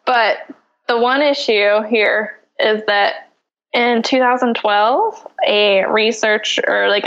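A woman scientist, a podcast guest, explaining research step by step in a relaxed, easy way. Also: fairly high pitch, lo-fi sound. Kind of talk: casual explanatory interview.

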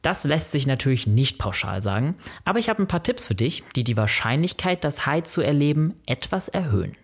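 Husky-voiced man explaining running tips. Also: fairly high pitch, sing-song, brisk. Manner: friendly, informative, gives numbered tips. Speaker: running vlogger. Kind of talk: scripted explainer addressing the viewer.

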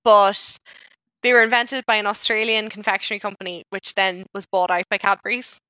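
Bright-voiced Northern Irish woman chatting. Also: mid-range voice, a little fast, no room sound, rough recording. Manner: chatty, animated, informal. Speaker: podcast co-host. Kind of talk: casual podcast chat.

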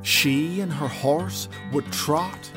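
A woman's voice: deep voice, takes it slowly. A woman narrating a scripted children's story as storyteller, with music behind her.

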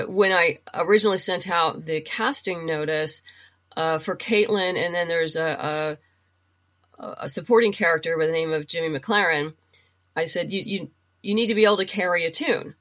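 A woman who is a writer and audio drama producer appears as an interview guest, chatting casually and enthusiastically. Her voice is low-pitched and fairly bright in tone, and she speaks unhurriedly.

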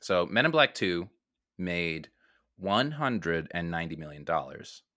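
A man's voice: low voice, very animated, measured pace, pushed and bright, dry recording, studio quality. A man co-hosting a casual comedic podcast, joking around while he runs a quiz game for his guests. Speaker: podcast co-host and quizmaster.

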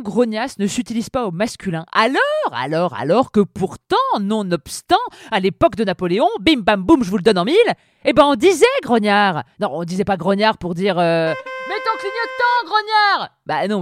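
A woman's voice: lowish voice, darkish tone, dry recording. A woman hosting a podcast, delivering a scripted comic monologue in a sardonic, playful, teasing manner. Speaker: podcast host.

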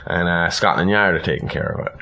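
In a deep, sharp-toned voice, a podcast co-host rapidly walks through a film's story in a relaxed, casual way. The recording has clear background room noise.

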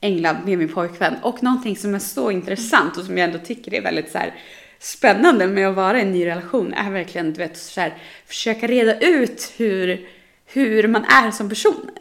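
A young woman co-hosting a casual podcast chat, telling animated stories and laughing often. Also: medium pitch, vocal fry. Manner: animated storytelling, quoting others, laughs often. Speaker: podcast co-host.

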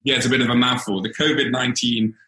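A man, a data scientist, calmly walking through retail figures in a casual work chat, often restarting his phrases. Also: mid-range voice, quick pace. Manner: steady explanatory walkthrough with frequent restarts. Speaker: senior data scientist presenting a dashboard. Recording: echoey room.

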